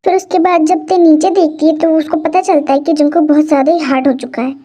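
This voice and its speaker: A woman narrating a hobby audio story in a casual, halting way with filler sounds. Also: high voice, fairly even intonation, warm tone. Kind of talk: casual read-aloud narration.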